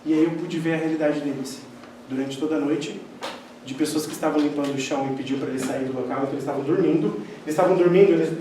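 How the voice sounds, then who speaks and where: A man gives a spiritist lecture, telling animated personal stories and acting out the dialogue. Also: fairly high pitch. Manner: animated storyteller who acts out quoted dialogue. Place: lecture hall of a spiritist center. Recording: very echoey hall, distant mic, faint noise.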